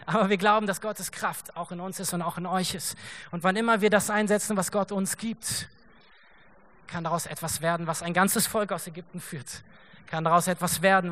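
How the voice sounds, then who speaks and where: A young man preaches from a church stage, his high voice bright and forward. He tells the story with energy, slips into short acted quotes and laughs along with the room. The delivery is casual and direct, as if talking to friends. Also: fairly even intonation, moderate pace. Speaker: pastor. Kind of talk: sermon.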